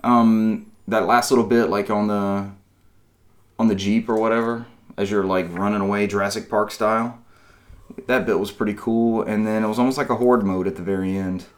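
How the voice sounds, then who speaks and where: Low-voiced man chatting about games. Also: steady tone, normal speed. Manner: rambling, storytelling with quoted asides. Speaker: podcast host. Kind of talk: casual gaming chat.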